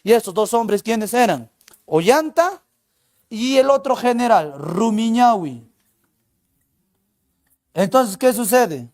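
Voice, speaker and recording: A male literature teacher retelling a story in a lively way, acting out each character. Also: very high voice, slow pace, long pauses, no echo, clean studio sound. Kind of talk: storytelling lecture.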